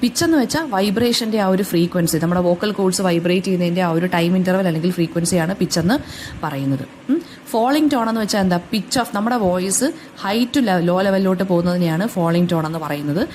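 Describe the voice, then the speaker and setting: A woman with a Kerala accent explaining English phonetics for exam notes, stopping often with fillers and saying English example phrases slowly. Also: lowish voice, expressive, a little mellow, slight background noise. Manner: frequent fillers and self-restarts. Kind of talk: exam-notes lecture in Malayalam.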